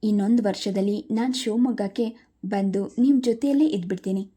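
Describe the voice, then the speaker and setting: A woman's voice: mid-range voice, a little fast, dark tone, slightly rough, lightly acted. A woman voicing an affectionate father who soothes his family in a told story. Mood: coaxing. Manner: soothing, fond. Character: affectionate middle-aged father, gently coaxing.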